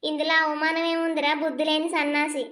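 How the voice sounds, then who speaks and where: A woman's voice: high-pitched, flat delivery, quick pace, fairly bright tone, roomy sound. A woman voicing a fierce, loyal young village wife in a cartoon, defiant and commanding. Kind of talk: animated cartoon voice acting.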